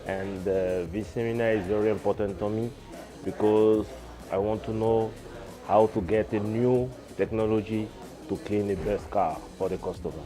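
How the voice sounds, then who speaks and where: A man from Maryland giving a halting testimonial as a seminar student, often repeating words as he goes. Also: on the low side, fairly even intonation, warm tone, soft background music. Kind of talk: testimonial interview.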